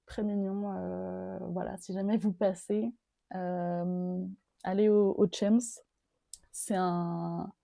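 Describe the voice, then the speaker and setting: Gravelly, dark-voiced young woman rambling. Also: on the low side, no echo, studio quality. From Paris. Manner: rambling, hesitant, many fillers and restarts. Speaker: podcast host. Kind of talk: casual solo podcast chat.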